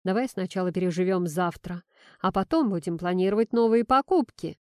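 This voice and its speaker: A woman's voice: lowish voice, brisk, clear, resonant tone, dry recording, clean studio sound, close to an everyday voice. A woman reading a wary, rattled grown man. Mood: weary. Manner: guarded, reluctant.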